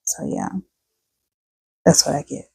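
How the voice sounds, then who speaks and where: A woman's voice: takes it slowly, dark tone, no room sound, poor audio. A woman doing a casual tarot reading for her viewers, chatting and reading card texts aloud, tired and yawning. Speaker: tarot reader.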